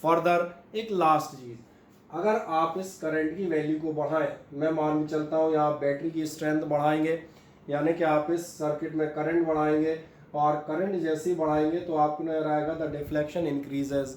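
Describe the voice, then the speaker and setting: A man teaches a physics class in a mix of Hindi and English, explaining things step by step and posing questions he then answers himself. His voice is on the high side and a little mellow, with a level tone at normal speed. The lecture is recorded in an echoey room with a faint hum.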